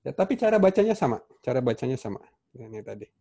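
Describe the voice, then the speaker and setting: A man with an Indonesian accent teaching a welding class online, speaking casually and haltingly with many fillers and restarts. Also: medium pitch, big pitch swings, vocal fry, dark tone. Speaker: welding instructor. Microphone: computer mic on a video call.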